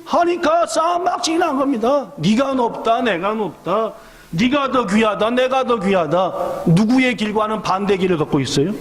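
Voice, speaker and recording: A man preaches a sermon from a church pulpit, his voice pitched high and rising and falling sharply. He keeps quizzing his congregation and acting out the voices in his story. Long church reverb trails every phrase. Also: moderate pace. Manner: lively, questions the congregation and acts out voices. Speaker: pastor. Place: church sanctuary.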